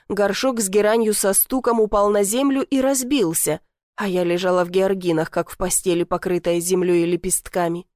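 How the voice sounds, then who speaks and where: A woman narrating a first-person audiobook in an expressive, wry way. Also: medium pitch, dry recording, clean studio sound. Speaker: audiobook reader.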